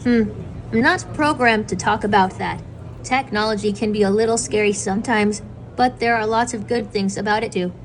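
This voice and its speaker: A smooth synthetic voice with a female sound, from a companion robot that speaks evenly cheerful, scripted replies and steers away from questions it cannot answer. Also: mid-range voice, normal speed, rough recording.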